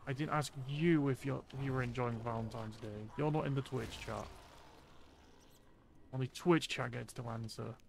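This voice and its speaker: A man giving casual live gameplay commentary with a friend, monotone and deadpan, swearing as he jokes. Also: medium pitch, normal speed, vocal fry, a little hiss or hum. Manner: monotone, deadpan, profane joking. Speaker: video game streamer. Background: zombie game sounds.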